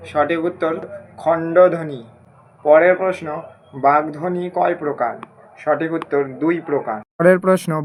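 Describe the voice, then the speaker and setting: A man with a rather high voice runs through quiz questions and answers in a steady drill. His delivery is flat, with little rise and fall, and every line falls into the same rhythm. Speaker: coaching teacher.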